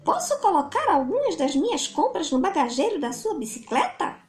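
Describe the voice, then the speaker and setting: A kindly storybook mother bear, voiced by a woman storyteller with a Brazilian accent. The voice is high and lilting, swinging up and down in a sing-song way, with music along. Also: very animated, moderate pace, a little mellow. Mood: polite, asking.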